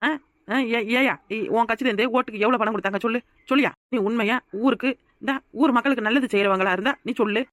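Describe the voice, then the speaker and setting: A woman voicing an outspoken young village woman in a cartoon, with a southern Tamil Nadu rural accent, who shouts and scolds. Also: a little high, quick pace, no echo, clean studio sound, natural voice. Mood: fiery. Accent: southern Tamil Nadu rural dialect. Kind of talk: cartoon voice acting.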